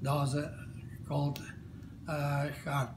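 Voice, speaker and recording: A man in his seventies with a Bulgarian accent, whose first language is Bulgarian, answers interview questions in a halting way, with many fillers and restarts, from a living room sofa. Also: fairly high pitch, completely flat delivery, darkish tone, slight background noise. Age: 70s. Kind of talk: casual interview. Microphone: camera at medium distance. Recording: echoey room.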